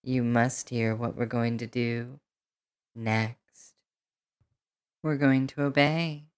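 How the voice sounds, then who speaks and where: A woman speaking as a hypnotist right in the listener's ear, in a commanding, deliberate, lulling monologue full of repetition. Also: very deep voice, steady tone, smooth. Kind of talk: slow hypnosis monologue, spoken close in the ear.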